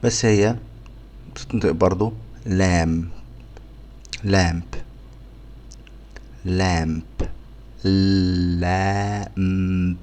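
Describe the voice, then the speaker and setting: A deep-voiced male English teacher with an Egyptian Arabic accent gives beginners a phonics lesson. He sounds out letters one at a time and slowly repeats each word.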